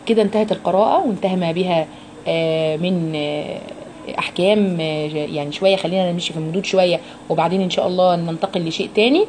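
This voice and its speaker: A woman's voice: on the low side, quick pace, a little mellow, a little hiss or hum. A woman with an Egyptian accent teaching a Quran recitation lesson to women. She explains each rule patiently, asks her students questions and models every sound. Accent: Egyptian Arabic.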